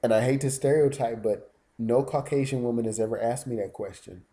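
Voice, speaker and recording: A man's voice: medium pitch, fairly even intonation, brisk, dark tone. A man telling stories in a casual vlog monologue, rambling and indignant. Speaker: YouTube vlogger.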